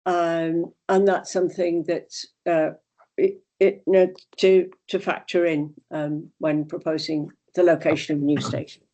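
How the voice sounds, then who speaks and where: A woman's voice: fairly low pitch, level tone, measured pace, mellow. A woman giving spontaneous feedback at a meeting, polite and emphatic, repeating words as she makes her point.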